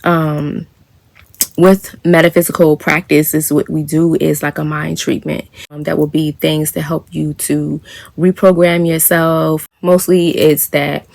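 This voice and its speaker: Low, gravelly-voiced woman vlogging softly. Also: dry recording. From United States. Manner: soft-spoken, meandering, frequent fillers and light laughs. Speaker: spiritual practitioner and reverend. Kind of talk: casual reflective vlog monologue.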